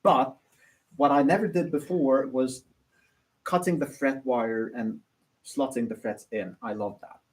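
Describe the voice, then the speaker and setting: A man answers questions about his week as a workshop student. His voice sits at a middle pitch, and he speaks earnestly and plainly in a relaxed interview. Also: unhurried, poor audio. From Belgium.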